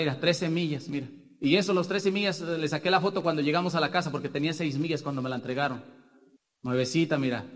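A man's voice: a little high, big-room sound. A man with a Mexican accent giving a rambling motivational testimony as a business speaker, tagging nearly every point with a question. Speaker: business speaker sharing success story.

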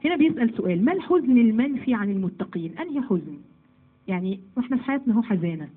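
A woman with an Egyptian Arabic accent teaching a Quran commentary lesson to women, lively and asking then answering her own questions. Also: a little high, rapid-fire, slightly rough, phone-quality sound. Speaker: religious teacher.

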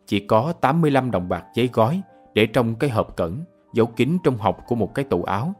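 A man narrating a radio drama in an even storytelling manner. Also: medium pitch, brisk, slightly rough, soft background music.

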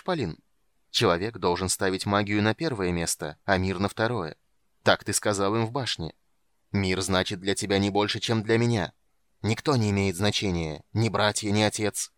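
A man voicing a frail, sinister old archmage who speaks softly and with menace. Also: dry recording, close to an everyday voice. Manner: soft, low, menacing. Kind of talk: audiobook character reading.

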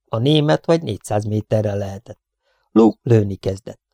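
A man reading a war novel aloud as an audiobook, with dramatic delivery that jumps up sharply in pitch and volume for shouted lines. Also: dry recording, studio quality. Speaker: audiobook reader.

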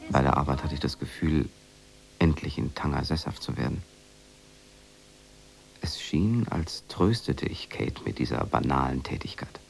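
A man with a very deep, gravelly voice plays a brooding expatriate husband with a guilty conscience, narrating a radio drama in a measured, subdued, reflective way. Soft music plays behind him, and the recording is rough.

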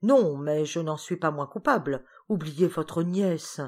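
A woman voicing an impatient, fussy lady who talks high and loud in exclamations. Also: measured pace. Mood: flustered.

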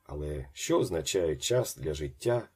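Low, husky male audiobook narrator. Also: animated. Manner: acts out the shouted lines, then drops to a slow hush. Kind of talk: dramatic audiobook reading.

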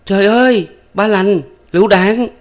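A man reading a story, voicing a frantic, quarrelsome young village woman with shrill, panicked cries. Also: unhurried, natural voice.

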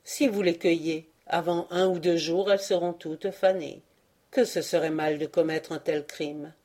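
A woman's voice: fairly low pitch, steady tone, normal speed, mellow, close to an everyday voice. A woman reading aloud and voicing a humble old male Chinese gardener, deferential and imploring in a storybook. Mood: pleading. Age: older. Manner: deferential, imploring, bursts out in anguish.

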